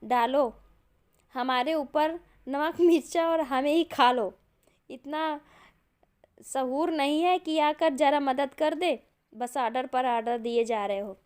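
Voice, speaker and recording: A woman's voice: sits high, moderate pace, darkish tone, close to an everyday voice. A woman doing a grumpy young cook. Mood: irritated. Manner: complaining, sarcastic. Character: grumpy young man cooking, irritated.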